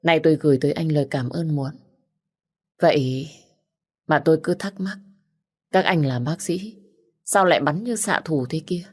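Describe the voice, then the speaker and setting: A woman's voice: low-pitched, normal speed, pauses often, darkish tone, husky. A woman voicing an anxious young son who speaks in a pleading, emotional way in an audiobook. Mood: urgent. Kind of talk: audiobook character reading.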